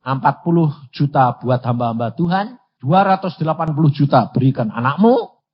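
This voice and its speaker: A man's voice: fairly high pitch, animated, normal speed, highs cut off. An old man voicing God in a sermon story, speaking plainly and with a teasing edge. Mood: matter-of-fact. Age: 80s.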